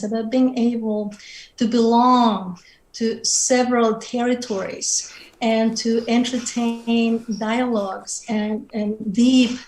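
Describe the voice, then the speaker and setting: A woman's voice: fairly high pitch, darkish tone. A middle-aged woman from Mexico with a Mexican Spanish accent, a native Spanish speaker, speaking thoughtfully as a panelist on a video call and searching for her words. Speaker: panelist writer. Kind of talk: reflective panel conversation. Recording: roomy video-call audio.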